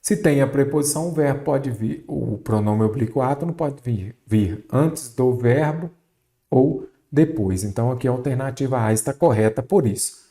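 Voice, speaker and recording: A mellow, warm-voiced man gives an exam-prep grammar lesson. He keeps asking questions and answering them himself, stretching out the words he wants to stress, at a mid pitch. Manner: drawn-out stress on key words. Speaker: Portuguese teacher.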